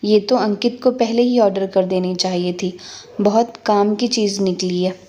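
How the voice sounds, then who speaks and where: A woman's voice: mid-range voice, fairly even intonation, normal speed, mellow, close to an everyday voice. Brief: woman reading as upbeat, loving young daughter-in-law, storybook. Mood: cheerful. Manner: affectionate, upbeat.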